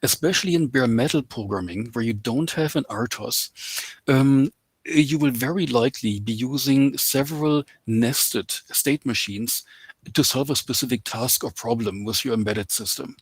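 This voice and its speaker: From his home in Canada, a guest lecturer gives an open lecture over a video call in English, which isn't his first language, hesitating often with ums and uhs. His voice is mid-pitched and slightly husky, and the sound is dry and close like a call mic, with no echo.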